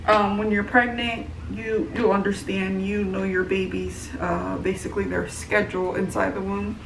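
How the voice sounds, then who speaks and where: A woman's voice: mid-range voice, level tone, normal speed, creaky, recorded from a distance. A tired, heavily pregnant woman in her thirties giving a rambling, casual update, with lots of fillers and restarts. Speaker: vlogger. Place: at home, room with echo. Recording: roomy, from the mic, noisy home.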